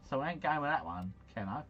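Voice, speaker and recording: On a muffled recording with slight background noise, a male livestream host plays a quiz game, chatting and joking with viewers. He reads their messages out and mumbles his way through foreign names, his mid-range voice expressive, a bit bright, and moderately paced.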